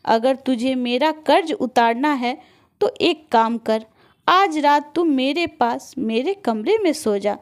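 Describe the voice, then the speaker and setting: A woman voicing an elderly, patient mother who speaks calmly and softly in a storybook narration. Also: sits high. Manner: calm and soft-spoken.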